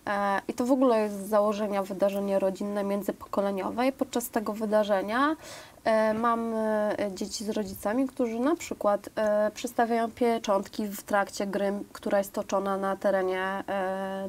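A woman in her thirties speaks as a guest on a studio talk show. Her pitch stays level and even while she earnestly lists one example after another, with frequent hesitation sounds. She is recorded close on a lapel mic in a studio. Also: moderate pace. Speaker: volunteer program guest. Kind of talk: studio interview. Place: TV studio, seated on sofa.

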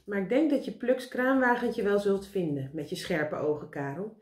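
A woman voicing an anxious, fussy old gentleman who worries and insists on clear instructions. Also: mid-range voice, expressive, normal speed, natural voice. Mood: instructing. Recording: roomy echo.

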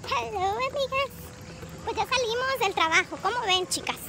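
A woman vlogger with a very high, animated voice chats casually to camera at a moderate pace, with music playing behind her. She films herself on a phone held at arm's length, at home and in her car, treating viewers like friends.

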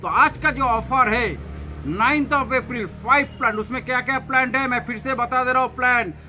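An Indian man in his thirties presents a sales offer to camera. His voice is strikingly high for a man, with a bright, forceful edge. He stresses and repeats his points, mixing in English terms. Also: steady tone, moderate pace, a little hiss or hum. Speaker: plant nursery seller and channel host. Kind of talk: promotional sales talk to camera. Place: covered open-air yard beside a house.

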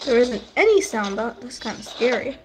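A woman streaming a video game, chatting in a giggly, excitable way. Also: fairly high pitch, normal speed, heavy background noise. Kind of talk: casual gameplay commentary.

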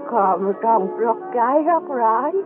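In an educational radio drama, a woman at normal speed and with a natural voice plays a kindly elderly grandparent who explains things patiently in a folksy, instructive manner. The audio is tinny and band-limited, with music underneath.

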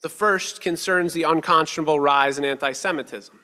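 Male rabbi, sermon, bright forward voice, slightly high, measured pace with slowdowns, sanctuary hall reverb. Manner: measured, earnest, slows for emphasis. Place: synagogue sanctuary, at a lectern. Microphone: stand mic on lectern.

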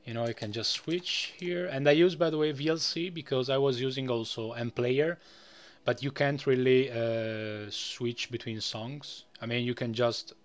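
A man with a mid-range voice gives a casual, unscripted software tutorial. He rambles and frequently tacks "you know" onto his phrases.

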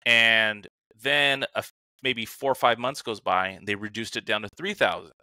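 With a bright, forceful voice on the low side and a moderate pace, the man tells casual stories as a podcast co-host over a remote call. He animatedly acts out what he was thinking, and there's no echo.

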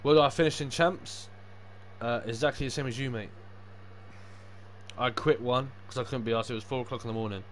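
Pausing frequently and talking a little fast, a young man with a medium-pitched voice chats on his gaming stream. The banter is sweary and slangy in a matey way, and the background noise is clearly heard.

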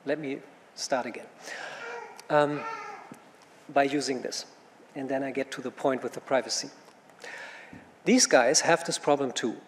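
Man, gravelly, in a hall. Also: medium pitch, steady tone, measured pace, pauses often. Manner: thinking aloud, with many fillers and restarts. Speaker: panel speaker. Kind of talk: panel talk answering questions. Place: conference room. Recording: hall reverb with faint room noise.

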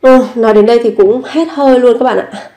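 A woman's voice: a little high, fairly quick, mellow. A woman teaching a language lesson, patiently repeating each phrase and explaining it step by step. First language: Vietnamese.

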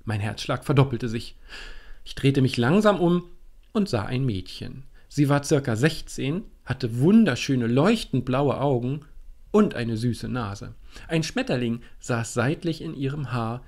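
A man reading his own youth novel aloud in the first person, telling it with lively drama. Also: mid-range voice, a little slow. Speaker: author reading his book.

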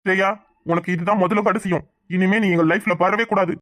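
A man's voice: high voice, fairly even intonation, brisk, a bit bright, dry recording, studio quality. A man playing an earnest devoted young husband. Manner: earnest, speechifying. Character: proud devoted young husband, brave about being broke.

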